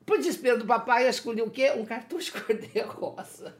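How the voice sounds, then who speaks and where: A woman with a Brazilian accent, a guest in a casual chat, telling stories in an animated, dramatic way and laughing often. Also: on the high side, brisk, breathy edge.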